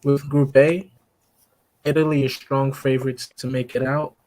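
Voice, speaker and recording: A man on an online call, talking through his picks slowly and methodically with hedging fillers, his audio clipping and breaking up. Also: medium pitch, level tone, a little mellow. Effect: choppy, breaking-up online call audio. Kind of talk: casual football chat. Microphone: computer mic on a video call.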